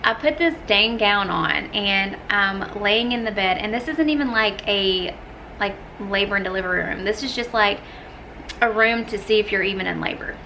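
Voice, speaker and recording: Chatty young woman, gravelly edge. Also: medium pitch, normal speed, pushed and bright, slight background noise, poor audio. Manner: chatty, many "like" fillers, acts out quoted lines. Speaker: vlogger. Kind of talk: casual storytelling to camera.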